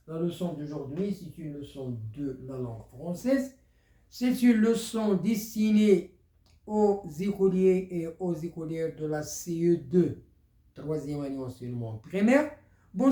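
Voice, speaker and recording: A teacher talks through a primary school lesson at an unhurried pace, repeating each word so young pupils can follow. The pitch moves lively up and down, and the voice rings in a roomy, echoey space. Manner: repeats words, explains step by step. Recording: echoey room.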